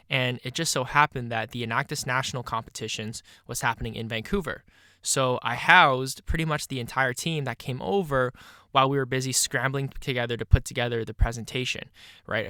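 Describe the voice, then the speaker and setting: A young man in his early twenties hosts a solo podcast with a stuffy, congested nose. His voice is bright and crisp, and it sits close and dry on the mic. He talks casually and thoughtfully, dropping plenty of "you know" as he goes. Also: medium pitch, dry recording. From Canada. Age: 20s. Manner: casual, reflective, many "you know" fillers. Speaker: podcast host.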